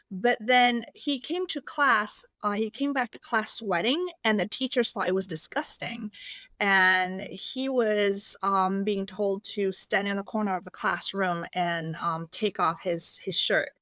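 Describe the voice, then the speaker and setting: A woman's voice: mid-range voice, a bit bright, dry recording. A woman from Indonesia, a podcast guest, speaking casually with many fillers and restarts. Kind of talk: casual interview.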